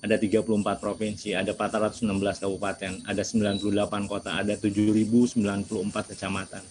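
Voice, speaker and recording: Low-voiced man lecturing over crickets. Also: monotone, rapid-fire, darkish tone, a little hiss or hum, rough recording. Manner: rhetorical questions, answered himself. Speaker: seminar speaker. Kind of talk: lecture to students.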